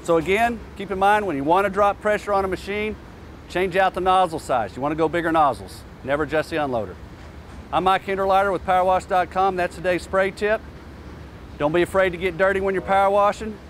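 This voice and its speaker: This company presenter, a man in his forties, talks a little fast in a high voice, with slight background noise on his lapel mic. Outdoors in an industrial yard, he demonstrates a task in a plain, practical way, dropping casual asides along the way.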